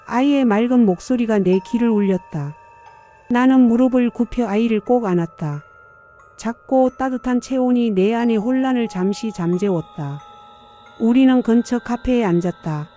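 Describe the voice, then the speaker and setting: Older lady reading an audiobook story, slow and somber, mellow voice, faint music behind. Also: fairly high pitch. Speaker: narrator. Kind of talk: scripted first-person audiobook narration.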